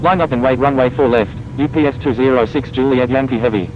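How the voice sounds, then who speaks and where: A man speaking as a pilot on a cockpit headset, reading back clearances in clipped, procedural radio phraseology. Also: steady tone, fast talker. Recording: muffled radio with loud engine rumble.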